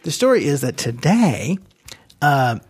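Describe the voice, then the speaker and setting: On a studio mic connected to a computer, a man co-hosting a podcast tells a long, wandering story full of asides and corrections of himself. His voice is a little high and slightly rough, sing-song in tone and measured in pace.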